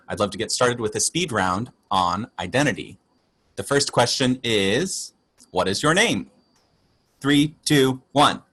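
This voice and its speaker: A man's voice: on the low side, a bit bright, slightly rough. Male host, casual chat, playful, laughs a lot.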